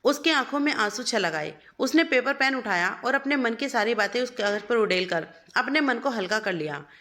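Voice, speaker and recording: A woman narrating an emotional story in an earnest, steady storybook style. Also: on the high side, moderate pace.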